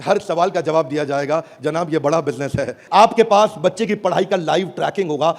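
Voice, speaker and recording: At a product launch, a man performs theatrically for a live audience from the stage, urging them to shout back. His high-energy delivery is a little fast, alternating between booming and hushed.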